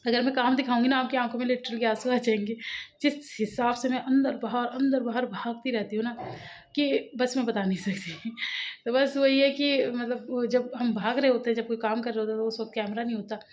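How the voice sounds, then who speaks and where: A woman's voice: a little high, fairly even intonation, fairly quick, darkish tone. A young woman and mother chatting casually to her viewers in a home vlog, rambling on about her day as she films on her phone. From Uttar Pradesh, India. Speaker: family vlogger, mother. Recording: dull lo-fi phone audio with faint household noise.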